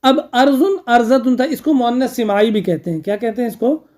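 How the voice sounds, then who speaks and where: A teacher explains grammar rules in a steady classroom lecture. Key terms are said twice. The teacher asks the class a question, then answers it, and often checks in with a quick filler. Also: mid-range voice.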